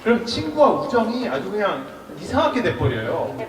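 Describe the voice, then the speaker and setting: A man in his forties, a monk giving a public lecture, lively and quizzing the audience, with acted-out dialogue. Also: sits high, moderate pace, crowd noise. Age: 40s. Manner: lively, asks the audience questions, acts out quoted dialogue. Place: temple lecture hall with audience. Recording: echoey hall, mic from far off, audience around.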